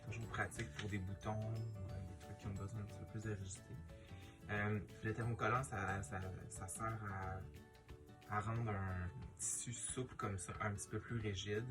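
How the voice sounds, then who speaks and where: A man's voice: lowish voice, little pitch movement, normal speed, music in the background. A man with a Quebec French accent giving a casual hands-on tutorial, thinking aloud hesitantly as he works. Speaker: sewing tutorial host.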